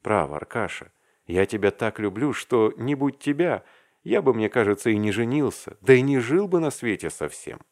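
A man's voice: medium pitch, sing-song, moderate pace, a little mellow, voice pushed up. A man voicing a timid, earnest young male clerk who pleads and explains himself. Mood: tender.

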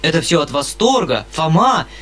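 A man's voice: fairly high pitch, very animated, normal speed, pushed and bright. Man playing a fervent, overwrought colonel. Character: emotional, good-hearted middle-aged colonel.

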